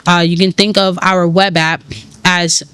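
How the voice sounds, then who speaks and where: Young woman founder, New York accent, lively and slangy, smooth dry voice. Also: fairly low pitch, a little slow, dry recording. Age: 20s. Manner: energetic, casual, uses slang and fillers. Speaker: tech founder, guest. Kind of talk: conversational interview.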